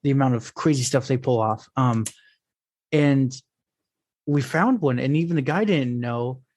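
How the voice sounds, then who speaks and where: A young podcast host with a mid-range voice tells casual stories at an unhurried pace. He's an animated storyteller who acts out the voices of people he quotes, with many fillers and restarts.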